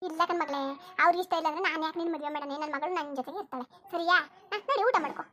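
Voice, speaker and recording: A rapid, very high voice of a protective village mother, as a woman puts her on in a cartoon. She moves between sharp scolding and tender coaxing in rustic village speech. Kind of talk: cartoon voice acting.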